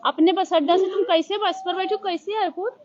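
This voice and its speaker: A woman's voice: very high-pitched, fairly even intonation, normal speed, a little mellow, dull audio. A woman, a mother, pleading with and scolding her child with repeated questions.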